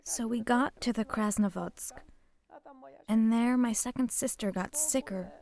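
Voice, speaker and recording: Older woman giving halting testimony. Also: fairly high pitch, a little mellow. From Poland. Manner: halting, emotional, drops to whispers at painful moments. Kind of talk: personal testimony.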